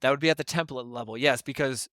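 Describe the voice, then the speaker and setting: Male podcast co-host, mid-pitch, explanatory and chatty, dry recording. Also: fast talker, a bit bright, dry recording. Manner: explains at length, keeps checking with "right?". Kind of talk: casual podcast chat.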